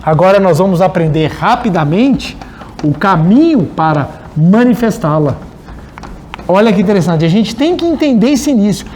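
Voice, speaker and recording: A man with a Brazilian Portuguese accent giving a religious study talk, animated and telling stories while speaking straight to his audience. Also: high voice, normal speed, a little hiss or hum. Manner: animated, storytelling, addresses the audience directly. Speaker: spiritual lecturer.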